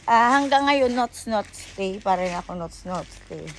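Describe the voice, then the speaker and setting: Heavy background noise surrounds a woman's animated, mid-range voice as she speaks a little slowly. She has a Filipino accent and is vlogging outside by a river, mixing Tagalog and English in a rambling, casual way with many fillers and self-corrections.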